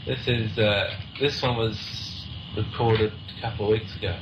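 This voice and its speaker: A man chats casually with a fairly low voice. The recording sounds dull and lo-fi. Loud background noise sits under his voice. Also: fairly even intonation, unhurried. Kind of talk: casual conversation. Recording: muffled, very noisy recording.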